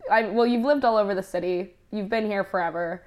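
A woman's voice: medium pitch, brisk, darkish tone. A woman hosting a podcast, asking questions and giving short encouraging replies. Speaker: podcast host. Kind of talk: casual chat.

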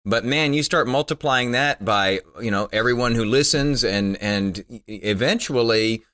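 A man's voice: mid-range voice, moderate pace. A man hosting a casual talk podcast over a video call, talking easily with lots of "uh" and "you know.". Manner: relaxed, filler-heavy, upbeat. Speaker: podcast co-host. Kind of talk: casual chat.

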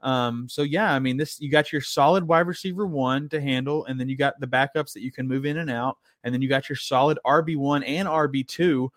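An easygoing man talks through his views as a co-host, measured and full of small ums and pauses. His voice is in a middle register, recorded dry and close to the mic. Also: medium pitch, steady tone, no echo. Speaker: fantasy football co-host. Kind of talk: casual live-stream chat.

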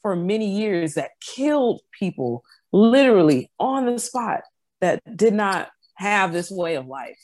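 A woman's voice: mid-range voice, very animated, measured pace, darkish tone, no echo. A woman in casual conversation, explaining her views earnestly and often stopping to restart a phrase.

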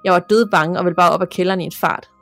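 A woman reading a listener's ghost story aloud as a podcast narrator, in a steady, measured way. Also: lowish voice, no echo, faint music behind.

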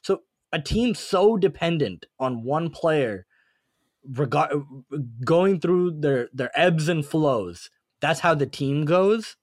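A man's voice: a little high, lively intonation, takes it slowly, no echo, clean studio sound. A man co-hosting a sports podcast in casual chat, rambling and thinking aloud as he goes. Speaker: podcast co-host.

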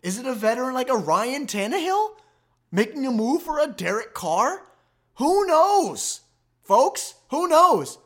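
A man's voice: very high voice, big pitch swings, measured pace, a bit bright. A man hosting a sports podcast, ranting emphatically and with exasperation about his team's loss. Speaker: podcast host. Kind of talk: fan sports commentary podcast.

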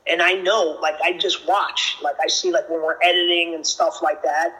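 A man's voice: on the high side, level tone, normal speed, sharp tone, rough recording. A man being interviewed, talking casually and bluntly in a brash, hyped-up frat-bro way with frequent swearing. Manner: blunt, opinionated. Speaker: film producer and actor being interviewed.

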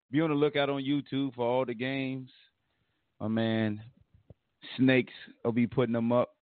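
An American man with a hoarse voice hosts a sports podcast, talking casually in a blunt, animated, slangy way with some swearing. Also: medium pitch, dry recording, narrow, tinny audio. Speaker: podcast host.

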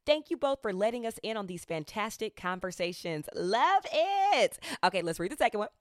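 Here the podcast host has a mid-range, very animated voice at a normal speed, recorded in clean studio sound without echo. She chats, interviews guests, and reads listener reviews in an effusive, emphatic style.

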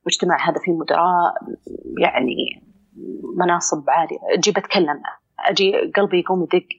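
Talking fast in a lowish, husky voice, the Saudi-accented woman, a psychologist appearing as a guest, explains things in an expressive, conversational style and plays out inner dialogue. The recording is muffled.

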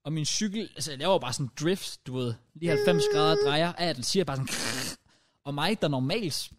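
A young man on a podcast, telling a story in lively casual chat and dropping English slang into his speech. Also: fairly high pitch. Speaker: podcast co-host.

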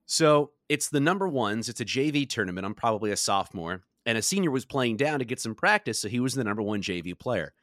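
A man's voice: mid-range voice, expressive, fast talker, few pauses, fairly bright tone, no echo, clean studio sound. A young adult man co-hosting a podcast, telling a story in a casual chat with lots of laughs. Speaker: podcast co-host.

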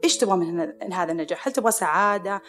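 Fast-talking Saudi woman podcaster. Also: fairly low pitch. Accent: Saudi Arabic. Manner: animated, acts out quoted people. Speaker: podcast host, psychiatrist. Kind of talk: podcast monologue. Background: soft music.

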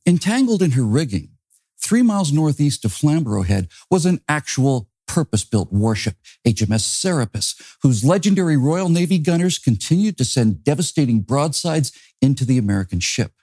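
A man narrating a naval history story in a scripted, dramatic storytelling manner with wide pitch swings. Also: sing-song, normal speed, warm tone.

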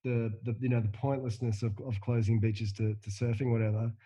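A man hosting a casual chat, blunt and profane, often halting mid-thought. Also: mid-range voice, level tone, warm tone, breathy edge. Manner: profane, halting, full of fillers and restarts. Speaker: host.

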